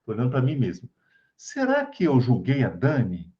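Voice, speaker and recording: A man's voice: medium pitch, wildly swooping pitch, moderate pace. Brazilian guy giving a laid-back spiritual talk on a video call, goes up and down a lot, kinda muffled lo-fi audio. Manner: chatty, keeps checking in with tag questions. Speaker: spiritist study group speaker. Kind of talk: informal spiritual talk to a group.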